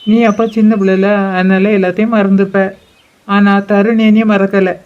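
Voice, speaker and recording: Cartoon role: a man playing a steady big brother, muffled lo-fi audio. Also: high voice, moderate pace, slight background noise, lightly acted. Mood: reassuring. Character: calm cartoon older brother, reassuring. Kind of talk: cartoon voice acting.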